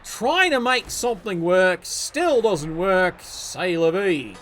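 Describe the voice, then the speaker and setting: High, lively sarcastic male commentator. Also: takes it slowly. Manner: sarcastic, profane, joking. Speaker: league match commentator. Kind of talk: video game match commentary.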